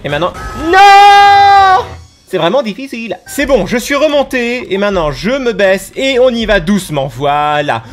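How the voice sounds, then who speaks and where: A man doing let's play commentary, excitable and teasing, yelping when scared and chatting to the monster on screen. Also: high voice, a little fast, hardly any pauses, over music. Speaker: gaming YouTuber.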